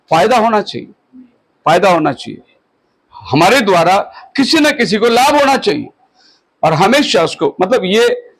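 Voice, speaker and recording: A man in his fifties, a pastor, preaching at a house prayer meeting, exhorting his listeners and slowing down on English phrases. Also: high voice, fairly bright tone, breathy edge, rough recording. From India. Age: 50s. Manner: exhorting, mixes English phrases and slows on them.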